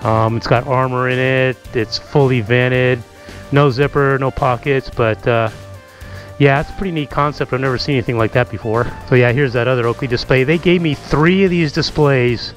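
A man in middle age giving a casual, relaxed tour of his home garage, talking through a helmet-mounted camera mic with lots of ums and asides. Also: medium pitch, normal speed, faint music behind. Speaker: motovlogger.

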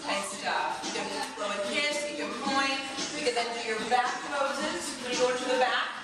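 An upbeat woman with a high voice hosts a photo shoot and talks up the event. She sounds far from the camera mic, in a big studio with a long echo. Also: moderate pace, over loud music. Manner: upbeat, promotional, coaching poses. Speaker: host running a photo shoot. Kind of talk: casual promotional chat. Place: large photo studio, indoors. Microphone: camera mic from a distance.

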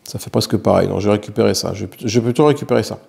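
A man's voice: fairly low pitch, very fast, creaky, darkish tone. A man with a French accent playing a solo board game, thinking aloud as he counts dice and swears lightly at bad rolls. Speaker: board game player narrating his solo play.

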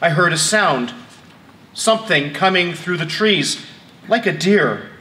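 Man doing a nervous cornered dad, kinda high and bright, stumbles on words, echoey hall. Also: expressive, slight background noise, full character voice. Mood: defensive. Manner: halting, stammering replies. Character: tense, defensive father under questioning. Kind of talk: amateur stage play.

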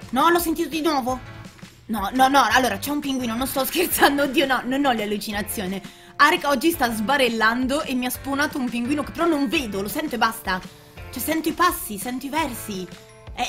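A woman hosting a casual let's-play, commenting her game in an animated, excitable way with frequent exclamations. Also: on the high side. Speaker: gaming channel host. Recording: faint background music.

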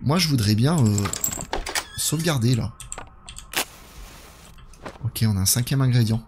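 A man's voice: medium pitch, lively intonation, measured pace, noisy background. A man streaming a horror game live, thinking aloud and talking to his viewers in a chatty way. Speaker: gaming streamer. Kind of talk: live let's play commentary.

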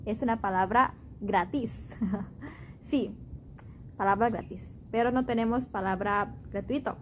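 A woman in her twenties from Indonesia, a Spanish teacher, answering interview questions thoughtfully in her learned Spanish with pauses. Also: mid-range voice, slight background noise, rough recording. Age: 20s.

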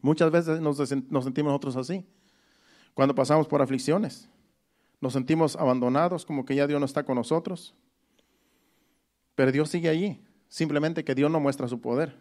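A man's voice: fairly high pitch, steady tone, moderate pace, long pauses, a little mellow. A man preaching a Sunday sermon. He explains each verse step by step, restating it in plain words and often repeating phrases.

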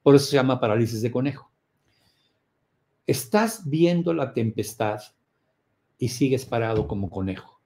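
A man's voice: mid-range voice, expressive, moderate pace, pauses often. Middle-aged man, prosperity course teacher, emphatic lecturing, mid-range voice. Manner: emphatic, rhetorical questions, acts out scenes with loud cries. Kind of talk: motivational lecture.

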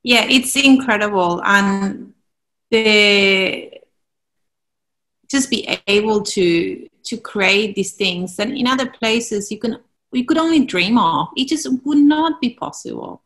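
A woman's voice: mid-range voice, lively intonation, slow pace, a bit bright. A woman hosting a podcast interview over a video call from her living room, asking curious, encouraging questions. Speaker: podcast host. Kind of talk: casual interview chat. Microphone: laptop webcam on a video call.

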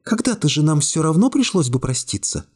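A man voicing a young woman secretary with a high, breathy voice, first cool and cynical, then tearfully devoted, in an audiobook. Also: very animated, fairly quick, darkish tone. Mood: cool, detached. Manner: cool and matter-of-fact, then gushing.

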